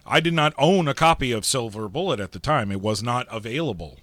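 A man's voice: mid-range voice, animated, a little fast, a bit bright, dry recording. A man hosting a podcast, talking casually and reflectively with some self-deprecating humor. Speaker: podcast host.

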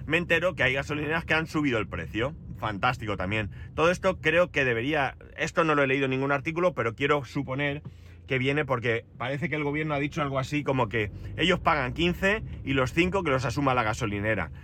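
A middle-aged man with an accent from Spain talks casually to his listeners in a wry, grumbling way. His voice is bright and forceful, mid-pitched, and carries a head cold. A faint vehicle-like noise sits behind him. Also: quick pace. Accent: Spanish from Spain. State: has a head cold with runny nose. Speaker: podcast host. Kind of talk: casual personal monologue.

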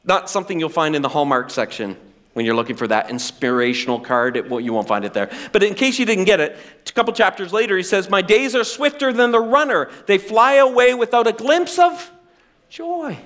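A middle-aged male pastor preaching a sermon with animated, self-deprecating humor. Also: high-pitched, a little fast.

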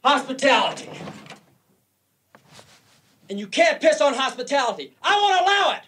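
A man's voice: extremely high pitch, big pitch swings, moderate pace, pushed and bright, exaggerated voice. A man playing a stern middle-aged father who lectures his son in stiff, stilted lines from a film.

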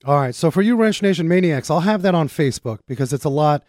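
A man's voice: on the high side, animated, fast, a little mellow, no echo, clean studio sound. A man hosting a casual radio talk show in an informal, exclamatory way with punchy asides.

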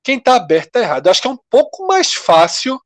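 A man's voice: extremely high pitch, huge pitch swings, fast talker, no echo. A man co-hosts a casual panel show. His voice rises and falls a lot as he lays out his points in loose, slangy talk. The sound is close and dry. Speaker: co-host.

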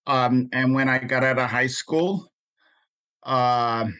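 An older man with a Queens New York accent, recalling things in an interview in a halting way, often pausing mid-sentence. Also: medium pitch, steady tone, fairly bright tone, dry recording. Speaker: interview guest, labor activist. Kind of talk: unscripted interview recollection.

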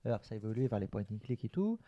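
A man's voice: fairly low pitch, very animated, racing, muffled recording. A man on a casual podcast panel, explaining things at length in a rambling way. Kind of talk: casual group chat.

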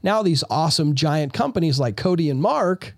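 A man's voice: a little high, expressive, moderate pace, dry recording, studio quality. A man telling his business story as a guest in a casual interview, talking energetically and often restarting his phrases. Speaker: real estate investor guest.

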